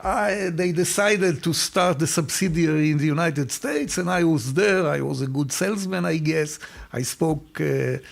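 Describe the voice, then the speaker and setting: An older man with an Israeli accent, a slightly high voice, a somewhat slow pace, vocal fry and few pauses appears as a guest in a casual interview. He tells warm anecdotes, often repeating words while he searches for the right ones.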